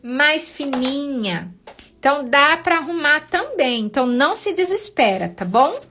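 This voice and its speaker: A woman's voice: sits high, very animated, a little slow, sharp tone, slight background noise. A woman teaching a live painting class, patient and encouraging, walking her students through each step.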